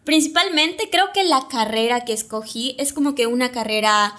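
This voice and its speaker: A young woman from Mayapán, Yucatán, Mexico, whose first language is Yucatec Maya, appears as a guest and communicator in a casual interview conversation. Her slightly high voice has a sharp tone, and she talks at a moderate pace, reflective and hesitant, with many fillers.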